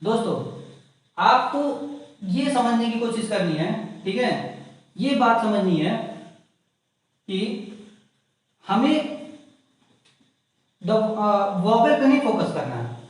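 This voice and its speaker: A man's voice: high-pitched, very animated, takes it slowly, long pauses. A man teaching English grammar in a classroom lesson, repeating points and asking questions. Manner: repetitive, asks the class questions. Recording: echoey room, mic far off.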